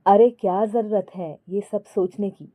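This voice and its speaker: A woman's voice: medium pitch, fairly even intonation, measured pace, dark tone, no echo, natural voice. A woman voicing a patient, easygoing young husband in a storybook. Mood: pleading.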